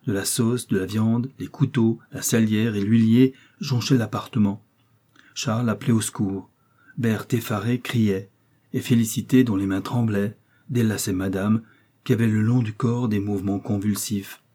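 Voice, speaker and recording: Male audiobook narrator, measured and grave, low mellow voice with a husky edge. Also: steady tone.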